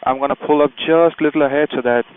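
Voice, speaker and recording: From a small plane's cockpit, a pilot and video host walks viewers through procedures one step at a time, breaking in with radio calls. His voice is on the high side, smooth and narrow, steady in tone and fast, and the audio sounds tinny.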